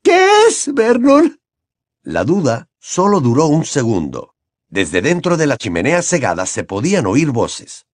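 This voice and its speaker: A male audiobook reader with a lively, wide-ranging delivery and a middle pitch, telling the story in a dry, close recording. He reads expressively. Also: moderate pace, no room sound. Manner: expressive, jumps into character voices. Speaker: audiobook narrator. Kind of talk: scripted narration.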